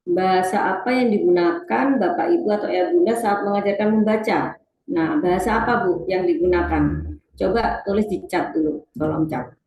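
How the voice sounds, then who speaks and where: A woman's voice: fairly low pitch, moderate pace, a little mellow, roomy sound, a little hiss or hum, poor audio. A woman presenting an online webinar on teaching reading, talking to the audience and reading out chat replies with many fillers.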